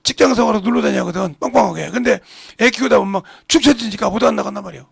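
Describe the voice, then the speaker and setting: A middle-aged male pastor delivering an animated sermon in church and acting out family dialogue in several voices. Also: high-pitched, very fast, gravelly, slightly rough, no room sound, clean studio sound. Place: church sanctuary.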